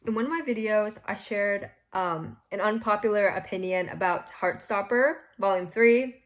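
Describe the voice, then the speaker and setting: A woman's voice: mid-range voice, moderate pace. A young woman hosting a casual book review vlog from her bed at home, chatty and laughing at her own slips. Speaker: book vlogger.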